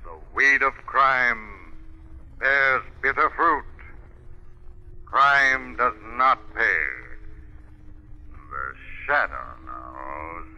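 An actor playing a menacing, mocking crime fighter in a theatrical, deliberate 1940s radio style. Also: male voice, medium pitch, animated, bright, forceful tone, full character voice. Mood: ominous. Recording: dull vintage 1940s radio recording.

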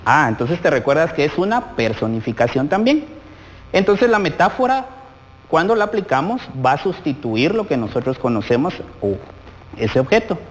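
A man's voice: fairly high pitch, big pitch swings, normal speed, in a large hall, low-quality recording. A man teaching a televised lesson to young children, asking them many questions directly. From Guatemala.

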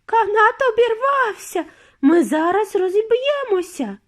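A woman voicing a panicking middle-aged woman passenger, shrieking high and loud. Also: animated, a little slow, heavily acted. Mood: panicked.

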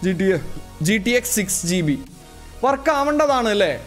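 Male streamer from Kerala, high-pitched, relaxed live chat with viewers, calling them bro. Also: moderate pace, faint music behind. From Kerala, India. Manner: chatty, greets viewers and answers chat, calls them bro. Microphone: calibrated streaming mic.

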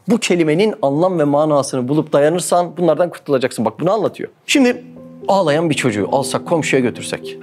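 High-voiced guy preaching a religious lesson, keeps asking questions and answering them, soft music under it. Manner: repetitive rhetorical questions and answers. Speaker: religious speaker.

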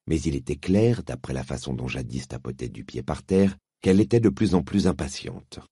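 Male audiobook narrator, dark warm tone, lively inflection, close dry mic. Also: a bass voice, husky, dry recording. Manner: measured, expressive storytelling.

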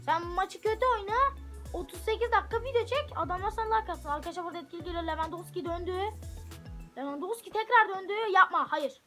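Super high pitched girl chatting thru a soccer game at home, yells at the players sometimes, soft music behind. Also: fast. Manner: chatty, bursts into excited shouts at the game. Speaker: gaming channel host. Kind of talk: live gameplay commentary. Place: room at home.

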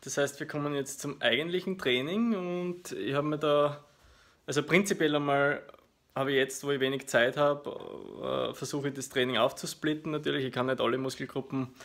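A man in his thirties with an Austrian German accent casually explains his workout to camera, in a hesitant, explanatory way with frequent filler pauses. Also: mid-range voice, fairly even intonation, vocal fry, a bit bright. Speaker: fitness vlogger. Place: small living room at home, indoors. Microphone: phone at arm's length.

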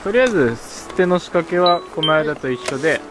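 Higher-voiced man hosting outdoors. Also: expressive, a little fast, a loud crowd. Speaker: fishing video host. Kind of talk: casual chat. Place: outdoors on a windy concrete breakwater at night.

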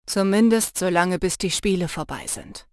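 A woman's voice: normal speed, dry recording, studio quality, lightly acted. A woman voicing an intense, protective young male shapeshifter in an audiobook, earnest and urging. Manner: low, earnest and urging, soft when teasing. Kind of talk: audiobook character voice.

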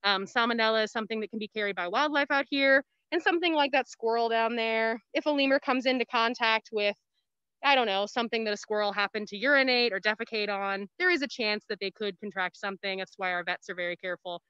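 A woman gives an informal educational tour through a face mask. Her voice is fairly high and smooth, with plain-worded explanations. It comes over a dry, slightly dull video-call connection. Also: fast talker, sharp tone, no echo. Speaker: animal care educator giving a virtual tour. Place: outdoors in woodland, on a video call.

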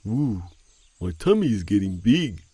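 A man's voice: fairly low pitch, sing-song, a little slow, warm tone, husky, no echo, exaggerated voice. A man voicing a cheerful male cartoon friend who loves sweets, chatty and easily tempted, talking to himself. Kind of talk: animated children's cartoon acting. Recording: light background music.

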